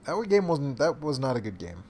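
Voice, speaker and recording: A man's voice: medium pitch, sing-song, moderate pace, darkish tone, slight background noise. Wry, rambling man on a live stream. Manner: wry, trailing off, self-mocking. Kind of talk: casual chat while watching a live stream.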